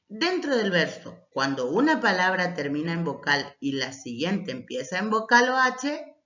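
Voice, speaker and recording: A woman teacher explaining lessons patiently, often checking in with a short "mm?" and reading verses aloud slowly. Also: fairly low pitch, fairly bright tone. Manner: reads poems aloud slowly. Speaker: language teacher. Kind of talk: recorded class lecture. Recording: roomy, dull lo-fi recording.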